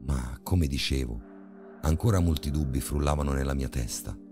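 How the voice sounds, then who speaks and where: A man narrating a horror story in a measured, grave way. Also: very deep voice, over music.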